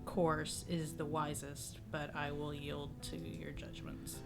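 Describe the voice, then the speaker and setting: A woman as a quiet, low-voiced cautious advisor. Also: completely flat delivery, slow, creaky, over music, heavily acted. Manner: quiet, careful, formal. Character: cautious, deferential, quiet female fantasy advisor.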